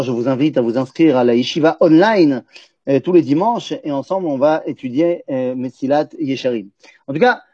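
Husky dark-voiced man teaching Torah. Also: fairly high pitch, no room sound, dull audio. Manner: asks the listeners questions, then answers them. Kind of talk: lively Torah class, explaining Hebrew words.

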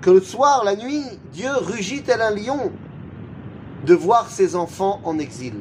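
A man's voice: high voice, animated, a little slow, darkish tone, slight background noise. A man teaching a Torah lesson. He chants Hebrew verses and answers his own rhetorical questions. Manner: chants Hebrew verses between French explanation. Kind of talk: religious lesson.

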